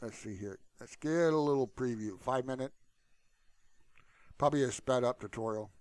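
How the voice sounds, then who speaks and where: Here a YouTube channel host, a man with a medium-pitched and slightly mellow voice, speaks at normal speed with no echo. He rambles casually to his viewers without a script, repeating "you know" throughout.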